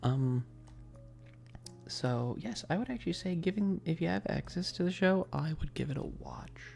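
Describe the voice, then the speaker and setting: On a livestream, a soft-spoken ASMR host chats casually in a breathy, mid-range voice that often slips into a whisper. She rambles hesitantly and puts herself down, yet her intonation stays lively at a moderate pace. Soft music plays in the background.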